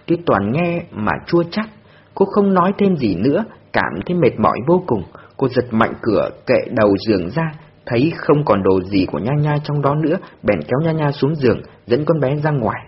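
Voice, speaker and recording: A man narrating an audiobook with expressive storytelling. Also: mid-range voice, normal speed, husky. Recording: dull lo-fi recording.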